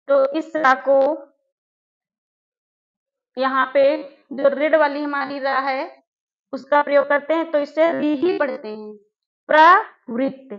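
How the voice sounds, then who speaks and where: A woman teaching an exam-prep spelling lesson, who asks her class questions and then answers them herself, repeating each word slowly. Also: high voice, fairly bright tone, muffled recording. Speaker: Hindi teacher.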